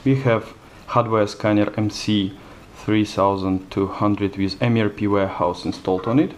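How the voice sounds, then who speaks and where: Man, low voice, hesitant fillers, step-by-step demo narration. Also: steady tone, normal speed. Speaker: software demonstrator. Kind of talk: screencast product demo narration.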